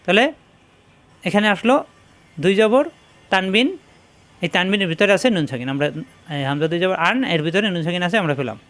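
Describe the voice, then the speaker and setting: Man, high voice, Quran reading teacher, patient, repeats sounds slowly. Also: a bit bright. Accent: Bangladeshi Bengali. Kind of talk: spoken lesson on Arabic letters.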